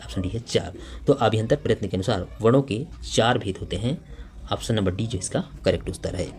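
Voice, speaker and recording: A man teaching an exam-prep grammar lesson in a voice of ordinary pitch for a man. He reads each question and its options aloud, then explains the answer step by step. His delivery is unhurried and conversational, with frequent fillers. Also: darkish tone.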